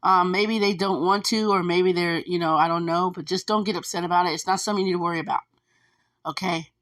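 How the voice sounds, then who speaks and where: A woman who does food delivery driving vlogs casual advice to her viewers, chatty and repetitive with lots of fillers. Her voice is on the low side and a bit bright, with a steady tone and a quick pace.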